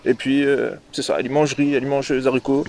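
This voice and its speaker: A man's voice: mid-range voice, little pitch movement, creaky, darkish tone. A man from Réunion with a Réunionnais French accent, interviewing a family in a playful, teasing way. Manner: playful, teasing, quick questions. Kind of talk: casual interview.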